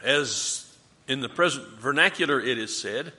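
Bible study leader, male, lively questioning delivery, bright tone in a reverberant room. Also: mid-range voice, normal speed. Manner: animated, asks the group questions. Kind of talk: group Bible study teaching.

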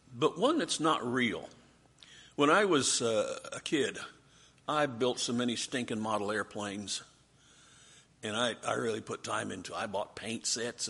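A man runs an interactive Bible class, teaching with animation and frequently tossing questions to the group. His bright, forceful voice moves across a wide pitch range and carries a husky edge.

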